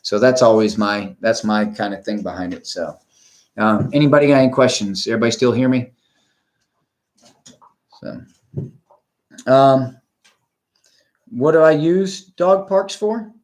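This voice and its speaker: A man's voice: mid-range voice, lively intonation, measured pace, pauses often, darkish tone. A middle-aged man talking about dog training in a casual, rambling way, blunt and plain-spoken, with many restarts and fillers. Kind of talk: casual talk, like a live stream.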